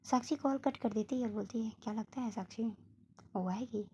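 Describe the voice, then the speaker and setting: A woman's voice: on the high side, a little fast, warm tone, muffled recording, a little hiss or hum. A woman narrating a family love story and reading all the characters' lines in a casual, conversational way. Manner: reads every character with small shifts in her own voice.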